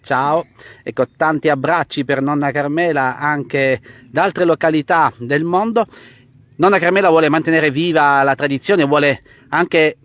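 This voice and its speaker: A man hosting a live outdoor interview, addressing viewers and pausing mid-phrase. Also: on the high side, a bit bright, no room sound. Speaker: host and interviewer of a live stream. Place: outdoors in the countryside.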